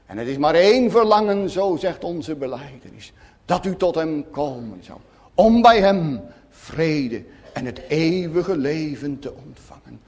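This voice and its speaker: A male preacher delivers a sermon in an earnest, solemn tone. He speaks slowly, letting long pauses sit between phrases. His voice sits somewhat high for a man. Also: lively intonation, darkish tone.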